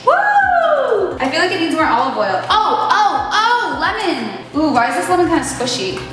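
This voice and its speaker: A woman's voice: extremely high pitch, huge pitch swings, normal speed, a bit bright. A young woman in her twenties chatting casually and exclaiming as she cooks in her home kitchen, recorded by a camera mic at medium distance. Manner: chatty, exclaiming, self-mocking. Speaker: vlogger cooking in her kitchen. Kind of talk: casual cooking vlog. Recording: echoey kitchen with background music.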